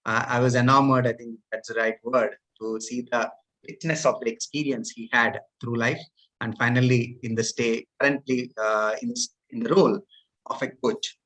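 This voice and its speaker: A man's voice: mid-range voice, fairly even intonation, moderate pace, a bit bright, rough recording. A male host formally introducing and interviewing a coach, polite with some hesitations. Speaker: podcast host. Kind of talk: hosting an interview.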